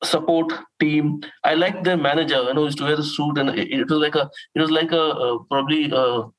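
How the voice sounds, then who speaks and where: A man talking through football memories in a halting, heartfelt way, with many restarts and fillers. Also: a little high, steady tone, low-quality recording. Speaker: guest football commentator. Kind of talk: emotional conversational recollection.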